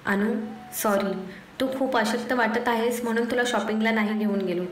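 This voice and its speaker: A woman voicing a gentle, reassuring young man in a spoken love story, talking softly and apologetically. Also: on the high side, fairly even intonation, moderate pace, lightly acted. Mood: tender. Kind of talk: storytelling audiobook dialogue. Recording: echoey room, faint noise.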